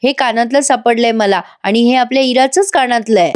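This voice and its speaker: A woman's voice: a little high, brisk, lightly acted. Earnest, pleading, determined girl in a TV serial, read by a female narrator.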